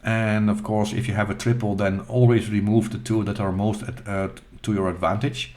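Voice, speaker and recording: A middle-aged man hosting a retro gaming channel, talking over gameplay in a casual, halting and self-deprecating way with fillers and restarts. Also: fairly low pitch, flat delivery, darkish tone.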